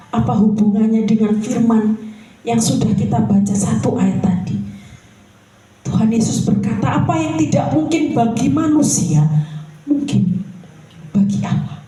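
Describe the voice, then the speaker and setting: A woman preacher tells her story in an animated way, her voice a little high and mellow. She is heard from far off in a very echoey room of a house. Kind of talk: sermon at a home worship service.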